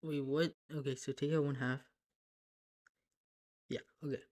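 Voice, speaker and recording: A student streamer working math problems out loud, muttering and correcting themselves. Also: mid-range voice, steady tone, measured pace. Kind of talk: thinking aloud while doing homework.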